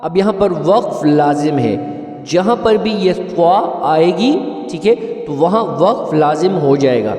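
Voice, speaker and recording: A man teaching a recitation lesson, explaining briskly and then chanting each example slowly and melodically. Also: a little high, animated, dark tone. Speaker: Quran teacher. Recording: echoey hall, distant mic, faint music.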